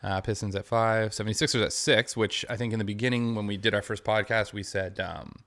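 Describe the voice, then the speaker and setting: A man's voice: fairly low pitch, fairly even intonation, a little fast, a bit bright. Rambling man talking hoops. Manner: rambling, many fillers and restarts, laughs often. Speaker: podcast co-host. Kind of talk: casual sports chat.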